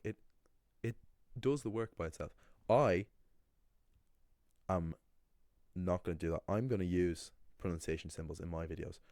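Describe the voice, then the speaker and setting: Blunt man with a very deep voice. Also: a little mellow, no room sound. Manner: blunt and opinionated, full of restarts. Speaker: language teacher. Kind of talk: casual explanatory monologue.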